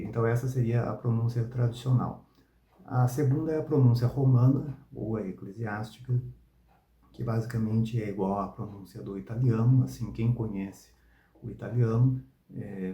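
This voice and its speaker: A man teaching Latin pronunciation, explaining calmly and repeating each example word three times. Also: fairly low pitch, reverberant, lo-fi sound. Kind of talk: spoken lesson with repeated example words.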